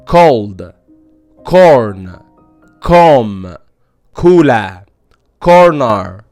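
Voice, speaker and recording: A man with an Egyptian Arabic accent leads a recorded pronunciation lesson, drilling lists of English words one by one. His fairly high voice rises and falls a great deal. Soft music plays faintly underneath. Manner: drills word lists, repeating words slowly and clearly.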